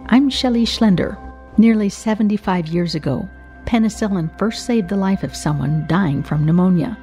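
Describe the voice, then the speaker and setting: A woman's voice: fairly low pitch, moderate pace, dark tone, soft background music. A woman with an American accent reading scripted narration as a science radio host and reporter.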